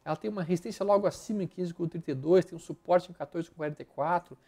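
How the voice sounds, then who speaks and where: A man's voice: high voice, fast talker, dark tone, slightly rough. A man with a Brazilian Portuguese accent giving live stock market commentary over charts, blunt and slangy, rattling off repeated words as he flips through them.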